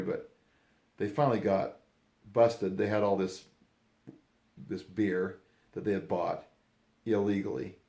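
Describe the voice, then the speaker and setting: An older man spins family tales in a loose, rambling, folksy way. His voice sits low and gravelly. The room around him is roomy and echoey. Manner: rambling, folksy, acts out quoted yells. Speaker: storyteller. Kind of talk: casual storytelling.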